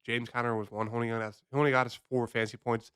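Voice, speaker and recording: A man's voice: medium pitch, level tone, fast, fairly bright tone, smooth, dry recording, studio quality. Sick-voiced man talking fantasy picks. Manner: loose, rambling, conversational delivery. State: sick-sounding voice. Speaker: fantasy sports host. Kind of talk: casual fantasy football picks breakdown.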